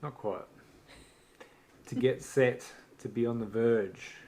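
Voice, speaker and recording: A man with an Australian accent, chatting casually as a homestead vlogger, relaxed and laughing at himself. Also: mid-range voice, slow. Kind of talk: casual chat.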